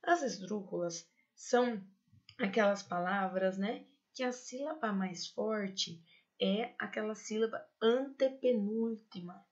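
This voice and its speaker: A Brazilian woman teacher walks students through grammar rules. She repeats key points and checks understanding with quick tag questions. Her voice sits at an ordinary pitch, and the recording sounds muffled and lo-fi. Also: darkish tone. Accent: Brazilian Portuguese. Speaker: Spanish teacher. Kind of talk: online class lecture.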